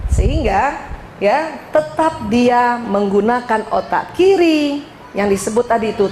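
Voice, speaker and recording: Animated woman lecturing in echoey hall. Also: a little high, a little hiss or hum. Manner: animated, joking, addresses listeners as Bu. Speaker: speaker at a women's religious study group. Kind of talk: lively talk with slides to an audience.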